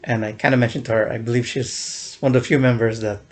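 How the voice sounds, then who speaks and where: Talking fast in a steady, medium-pitched voice, a young American man recounts a fan event in a casual vlog. He rambles, restarting often and filling gaps with fillers, and chuckles a lot.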